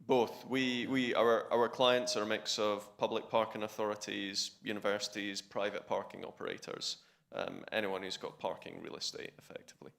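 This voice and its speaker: A man's voice: on the low side, little pitch movement, normal speed, gravelly, a bit bright. A man on a conference panel explaining a parking app, with restarts and fillers.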